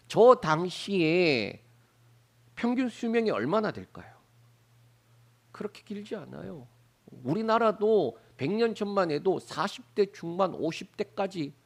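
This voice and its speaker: A middle-aged pastor from Daegu with a Gyeongsang accent, preaching a Wednesday sermon, asking the congregation rhetorical questions and acting out voices. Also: male voice, high voice, creaky. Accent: Gyeongsang Korean. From Daegu, South Korea. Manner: acts out Bible characters' lines in exaggerated voices. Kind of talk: Wednesday prayer service sermon.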